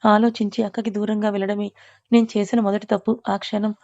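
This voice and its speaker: Lady reading as a young woman close to tears, pleading, flat low-key voice. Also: a little fast, no echo, muffled recording, lightly acted. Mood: tearful. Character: tearful young woman torn between sister and love.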